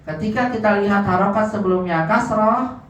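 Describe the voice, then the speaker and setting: Male grammar teacher, slightly high voice, slow drawn-out examples, quizzes the class, far from the mic. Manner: asks the class questions and answers them himself. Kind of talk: classroom lesson. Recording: echoey, dull, from far off.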